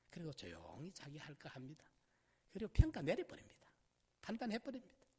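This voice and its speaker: Brief: middle-aged man preaching a sermon, slightly high voice, big swings from loud to hushed. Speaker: pastor.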